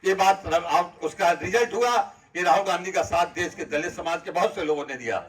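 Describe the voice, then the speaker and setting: A man with a high-pitched voice delivers a declamatory public speech, calling out to the crowd as brothers. He sounds somewhat distant from the microphone. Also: moderate pace, fairly bright tone. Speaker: political speaker.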